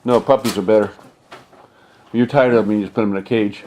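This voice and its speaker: Older man, lowish voice, dry wit, casual home chat. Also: steady tone, brisk, a little mellow, slight background noise. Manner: dry, joking. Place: home living room.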